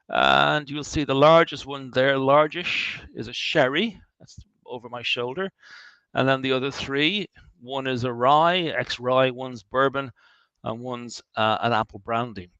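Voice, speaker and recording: A man with an Irish accent leading a guided tour of his distillery. He talks in a chatty, animated way, with wry asides and frequent restarts. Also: medium pitch, no echo, poor audio. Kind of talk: guided tour talk, answering questions.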